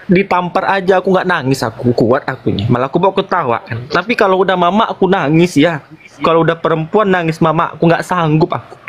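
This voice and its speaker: A man who is crying, speaking in halting, tearful bursts. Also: a little high. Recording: crowd noise behind.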